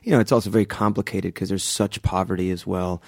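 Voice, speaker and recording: A man in his thirties with a low voice and a gravelly edge, chatting as a guest. He talks in a relaxed, thoughtful way, with fillers and restarts. The sound is close and dry. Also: fast, no echo. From Guatemala, raised in Miami. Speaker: actor guest. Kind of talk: casual interview chat.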